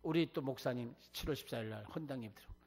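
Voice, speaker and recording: 교회에서 자신의 간증을 섞어 설교하는 나이 든 남자 목사로, 목소리가 약간 허스키하고 인용하는 사람들의 말투를 생생하게 흉내 낸다. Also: male voice, mid-range voice, quick pace. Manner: animated storytelling, acting out quoted voices. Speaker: guest preacher, missionary. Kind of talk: testimony sermon. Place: church.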